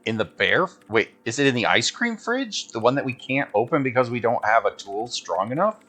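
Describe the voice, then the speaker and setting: A man's voice: mid-range voice, sing-song, a little fast, a bit bright. A man giving casual gameplay commentary, thinking aloud informally and reading dialogue options out. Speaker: game streamer.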